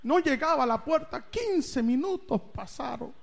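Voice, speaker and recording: A man preaching, telling a dramatic personal story with big swings in loudness and pitch. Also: expressive, measured pace, creaky. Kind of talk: storytelling sermon. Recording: reverberant hall.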